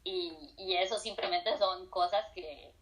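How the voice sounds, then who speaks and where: Being interviewed casually, a middle-aged professor from Colombia mixes Spanish and English at a measured pace, hesitating often with fillers and restarts. Her lowish voice comes through a rough recording with a little hiss or hum.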